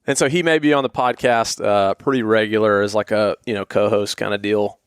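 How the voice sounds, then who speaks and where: Male podcast co-host from Atlanta, lowish voice, joking banter, dry close mic. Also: fairly even intonation, brisk, smooth, no echo. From Atlanta, USA. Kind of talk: casual chat.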